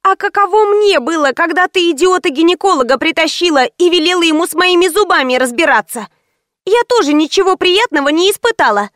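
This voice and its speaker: A sarcastic, quick-tongued teenage schoolgirl, voiced by a woman reading an audiobook. She speaks high and bouncy with mocking retorts. The recording is dry and close. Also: expressive, a bit bright, no room sound. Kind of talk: audiobook character voice.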